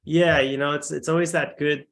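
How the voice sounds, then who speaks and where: A man's voice: on the high side, normal speed. A young man from the United States, co-hosting a podcast in rambling, casual chat with lots of fillers. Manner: rambling, filler-heavy, animated. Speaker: podcast co-host.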